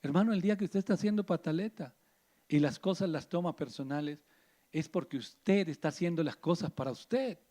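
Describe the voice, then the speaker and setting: Emphatic pastor preaching. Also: male voice, a little high, brisk, mellow. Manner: emphatic, rhetorical questions to the listener. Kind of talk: radio sermon.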